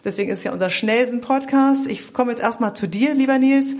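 A woman's voice: fairly high pitch, brisk, darkish tone. A woman who hosts a podcast and talks in a chatty way, laughing often and restarting her sentences. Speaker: podcast host. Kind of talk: casual podcast moderation.

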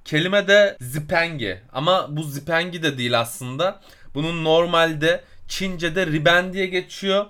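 A man's voice: a little high, a little slow, pushed and bright. A man co-hosting a travel podcast, telling a long story in a casual, rambling way with many fillers. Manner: storytelling, explains at length with fillers and searches for words. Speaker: podcast co-host. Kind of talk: casual chat.

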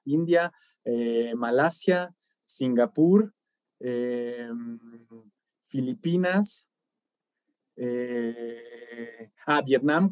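A man's voice: medium pitch, dry recording, clean studio sound. A man, a podcast guest in casual chat, reeling off travel stops and laughing often. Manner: animated, laughs often, long lists of places.

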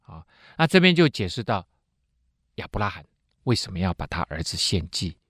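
Lively man retelling a Bible story. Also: sits low, normal speed, no echo, studio quality. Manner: animated retelling with frequent filler sounds. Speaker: Bible teacher.

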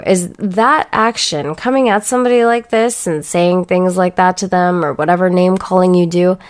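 Slow-talking blunt woman podcaster. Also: mid-range voice. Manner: blunt, profane, ranting; sarcastic. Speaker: podcast host. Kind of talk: solo podcast monologue.

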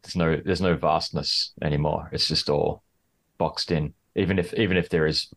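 Super deep-voiced guy, guest on a podcast, says like a lot, keeps restarting. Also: fairly even intonation, moderate pace, creaky. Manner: hesitant, lots of "like" and restarts. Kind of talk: casual interview chat.

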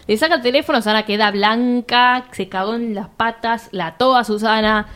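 Young argentine woman telling a crazy story to friends, highish voice, slangy, laughs a lot. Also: moderate pace, smooth. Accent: Rioplatense Argentine Spanish. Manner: animated, slangy, laughs often, acts out quoted lines. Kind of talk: casual chat, telling an anecdote.

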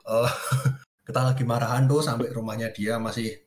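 A man at an ordinary middle pitch, recounting his relationship as a talk-show guest. He acts out little quoted exchanges and often lets his sentences trail off quietly. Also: little pitch movement, normal speed, echoey room, slight background noise. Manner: storytelling, acts out quoted lines, trails off softly. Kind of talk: casual chat.

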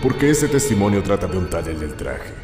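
A man's voice: sits low, big pitch swings, brisk. A man playing a stern detective who questions a witness in a commanding way. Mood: probing. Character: stern male detective, sharp and probing. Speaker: police inspector. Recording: roomy echo with loud music.

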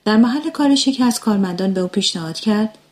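A woman narrating a story aloud in calm audiobook style. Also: mid-range voice.

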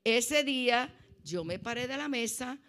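Puerto rican lady telling her church testimony, kinda high voice, super animated storyteller. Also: unhurried. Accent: Puerto Rican Spanish. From Puerto Rico. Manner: animated storytelling with laughs and acted quotes. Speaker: church member sharing testimony. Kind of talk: personal testimony in conversation.

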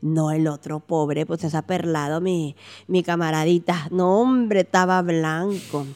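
A woman's voice: on the low side, a little slow. A woman with a Mexican Spanish accent telling a story in casual chat, acting out the dialogue. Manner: animated, acts out quoted dialogue. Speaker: podcast guest recounting paranormal experience.

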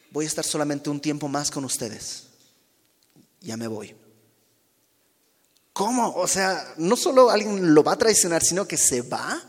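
Expressive preacher in an echoing hall. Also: male voice, a little high. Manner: expressive, acts out quoted dialogue, drops to soft tones. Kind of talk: sermon. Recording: long hall reverb.

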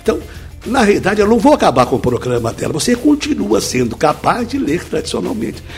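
Middle-aged man, animated teaching tone, interview guest. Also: sits high, fast talker, vocal fry, soft background music. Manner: lively, didactic, full of examples. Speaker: speed-reading teacher, guest. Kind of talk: explanatory interview answers.

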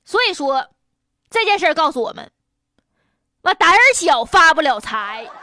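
A woman's voice: very high voice, pushed and bright, a little hiss or hum. A woman with a Northeastern Mandarin accent hosting humorous, colloquial news commentary in a blunt, opinionated way. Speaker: host of a news commentary show.

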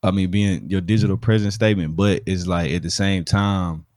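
A Southern-accented man from Alabama, a studio DJ and podcaster, chats casually in slang and keeps checking that the listener is following. His voice is low and darkish, with fairly even intonation and a moderate pace. The recording is dry and studio-clean.

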